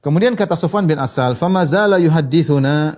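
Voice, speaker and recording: A male preacher delivers a fast, flowing hadith lecture. His voice sits fairly high and sounds mellow and relaxed. He moves between recited Arabic and lively explanation. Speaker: Islamic preacher.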